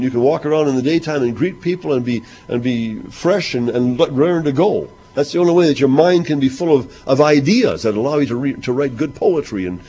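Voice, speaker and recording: A man's voice: mid-range voice, mellow, slightly rough. A man preaching a sermon to his congregation. He talks conversationally, repeats himself and asks rhetorical questions. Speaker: minister. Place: church hall. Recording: muffled lo-fi recording.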